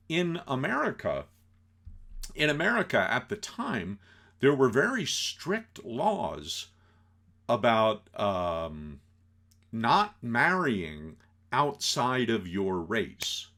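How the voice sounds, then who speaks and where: A man explaining an old film scene by scene in a casual lecture, acting out the characters' lines and filling pauses with "you know". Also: mid-range voice. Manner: animated, acts out quotes, many fillers.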